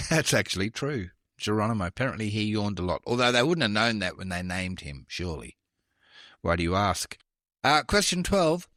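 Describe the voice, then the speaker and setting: A man's voice: fairly low pitch, sing-song, moderate pace, bright, forceful tone, dry recording, clean studio sound. A man hosting a trivia podcast, reading questions with chatty, self-deprecating asides. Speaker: quiz podcast host.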